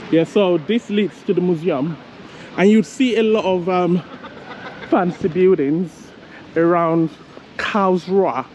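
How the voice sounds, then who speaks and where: A man's voice: sits high, a little mellow, rough recording. A man filming a casual travel vlog while walking city streets, chatty and rambling, often laughing at himself. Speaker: travel vlogger. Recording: outdoor street noise with passing traffic.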